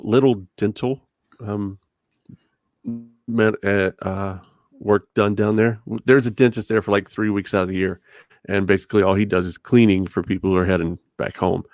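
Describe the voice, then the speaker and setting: Man, middle-aged, interview guest, low pitch, dry close-mic sound, conversational. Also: fairly even intonation, moderate pace, no echo. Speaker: podcast guest. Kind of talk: casual interview storytelling. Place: home room with bookshelf, indoors. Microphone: desktop condenser mic with pop filter, close up.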